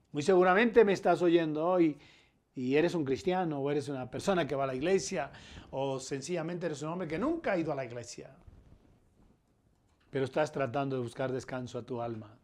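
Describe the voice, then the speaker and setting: A middle-aged man with a Colombian accent preaching a sermon as pastor, his loudness rising and falling as he presses his points. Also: on the high side, gravelly. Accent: Colombian Spanish.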